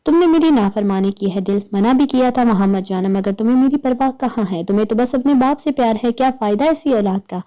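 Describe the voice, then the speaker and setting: A woman's voice: fairly high pitch, few pauses, warm tone, highs cut off, close to an everyday voice. A woman voicing a middle-aged mother who speaks reproachfully to her family.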